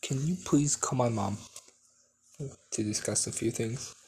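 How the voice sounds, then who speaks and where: A man voicing a young girl with ice powers who is losing her feelings, speaking haltingly. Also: mid-range voice, gravelly, a little mellow, slight background noise. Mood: pleading. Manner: halting, with many restarts.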